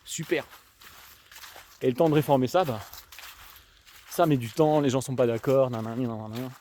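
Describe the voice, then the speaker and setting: A young man with an Alsatian accent, a vlogger and schoolteacher, rambles slangily to viewers on a countryside walk. His medium-pitched voice is mellow and moderately paced, recorded on a handheld camera with faint outdoor noise and rain behind him.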